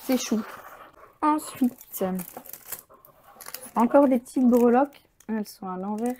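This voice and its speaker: A woman's voice: a little high, slow pace, darkish tone, a little hiss or hum. A woman hosting a crafting channel, chatting casually and enthusiastically as she unboxes supplies, thinking aloud with many fillers.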